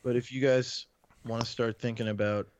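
A man hosting a casual movie trivia game, reading out the rules at a measured pace. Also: medium pitch, little pitch movement, a little mellow, slight background noise. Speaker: game show host. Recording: dull lo-fi sound.

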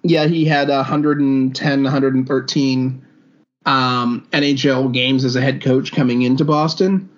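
A man's voice: medium pitch, fairly even intonation, unhurried, dull audio. A man co-hosting a sports podcast, reeling off numbers with many ums and uhs. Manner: reels off stats with many fillers. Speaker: podcast co-host. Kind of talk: casual sports chat.

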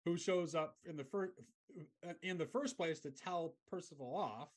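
Higher-voiced man musing over ideas. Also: normal speed. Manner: reflective, eager to connect ideas. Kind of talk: casual conversation.

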